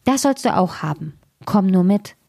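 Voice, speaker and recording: A woman reading a fairy tale aloud, voicing a bold, vengeful male sparrow in a high, sharp, taunting tone. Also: lively intonation, moderate pace, breathy edge, no room sound, clean studio sound. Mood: friendly. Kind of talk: storybook reading.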